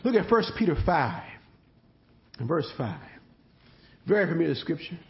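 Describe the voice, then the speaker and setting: Lively high-pitched preaching man, lo-fi. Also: normal speed, vocal fry. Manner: preaching with rising emphasis and call-and-response rhythm. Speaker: pastor. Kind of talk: sermon.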